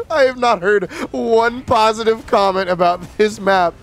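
A man chatting over voice chat while playing a game, loud, swearing and excitable. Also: high voice, unhurried. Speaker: gamer streamer.

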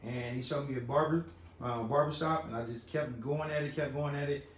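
A middle-aged barbershop owner answers interview questions politely and earnestly, using many fillers, in a casual live-video interview inside his large barbershop. His voice is mid-range with fairly even intonation and a fairly quick pace. The interviewer records on a phone camera, capturing the roomy shop's faint ambience and slight background noise.

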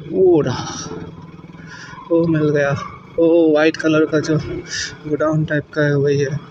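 A man's voice: fairly high pitch, flat delivery, takes it slowly. A young man from India chatting casually while riding a motorbike through city streets, rambling with fillers. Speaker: motovlogger. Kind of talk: casual motorcycle vlog narration. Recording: muffled with loud road noise.

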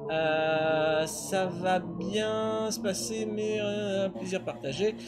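Middle aged guy rambling to his stream chat, pretty high voice, music in the back. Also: fairly even intonation, slow pace. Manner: rambling, self-deprecating. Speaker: game streamer. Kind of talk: casual live-stream chat. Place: indoor home streaming setup.

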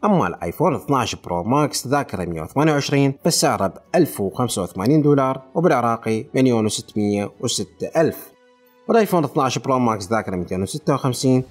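A man with an Iraqi accent hosting a tech channel, reading out a long list of phone prices in a steady run. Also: medium pitch, slightly rough. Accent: Iraqi Arabic. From Iraq. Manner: rapid, listing figures in a steady run.

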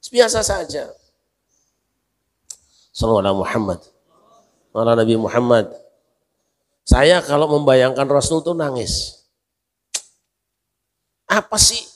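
Kyai preaching in a mosque hall. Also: male voice, medium pitch, unhurried, long pauses. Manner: lively storytelling, acting out quoted voices, joking with the audience. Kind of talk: mosque sermon to a congregation. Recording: long reverb of a mosque hall.

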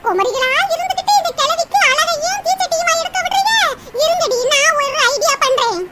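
A woman's voice: very high voice, animated, fairly quick. A woman with a southern Tamil Nadu accent voicing several characters in a village cartoon comedy, wailing, complaining and chanting. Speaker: cartoon voice artist. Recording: loud background noise.

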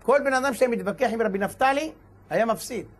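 Man rabbi, very high voice, animated sermon storyteller who acts out his characters. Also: slight background noise. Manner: animated storyteller acting out dialogue and shouts. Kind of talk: sermon with told stories.

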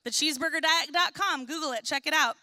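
A young woman preaches with a high, bright voice, loud and energetic, tossing in casual jokes between points. Her voice is recorded close and dry. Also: quick pace, no echo. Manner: energetic, loud and chatty with playful asides. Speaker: pastor. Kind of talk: sermon. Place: church auditorium.

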